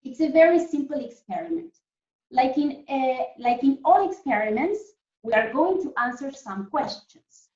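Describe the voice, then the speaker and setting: A woman primary school teacher leads an online lesson for children, keeping her explanations simple and often checking that they follow. Her voice is high-pitched and a little mellow, at a moderate pace. The mic is distant and muffled in an echoey room.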